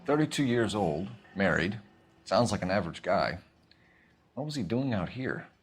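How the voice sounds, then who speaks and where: A methodical American police detective from a 1940s crime game. His delivery is formal and clipped, yet the pitch moves widely as he probes. Faint ambience sits behind him. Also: big pitch swings, moderate pace, a little hiss or hum. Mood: musing. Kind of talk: acted crime drama dialogue.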